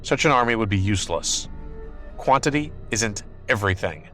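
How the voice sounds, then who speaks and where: A man's voice: on the low side, lively intonation, moderate pace, fairly bright tone, soft background music. A man voicing a cold, ruthless young man in a storybook reading, blunt and dismissive.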